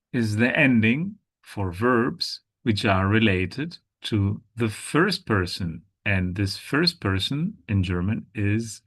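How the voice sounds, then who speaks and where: A man teaching German pronunciation, speaking slowly and deliberately and repeating each word several times. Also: on the low side, a bit bright. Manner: slow, deliberate, repeats words with gestures. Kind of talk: language lesson.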